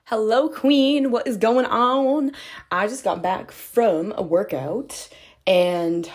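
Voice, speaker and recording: A woman's voice: on the high side, slow pace, a little mellow, breathy edge. A woman hosting a motivational podcast, talking in a peppy, emphatic, casual and slangy way. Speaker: podcast host and confidence coach.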